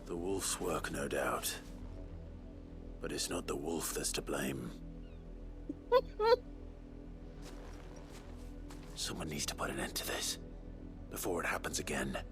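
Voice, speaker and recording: An actor playing a stern, defiant young warrior with a raspy voice, grim and measured. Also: male voice, very deep voice. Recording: game audio under faint music.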